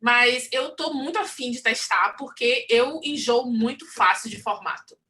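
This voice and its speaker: Brazilian woman comics artist, bright tone, rambling self-mocking panel chat. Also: fairly high pitch, a little slow. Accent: Brazilian Portuguese.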